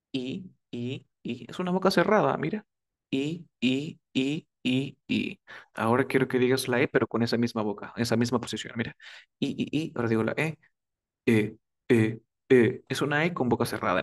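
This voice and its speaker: A man's voice: mid-range voice, far from the mic. A man giving a casual spoken English lesson, repeating words for drills and checking in often. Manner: coaching, repeats words for drills, asks "¿vale?". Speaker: English teacher.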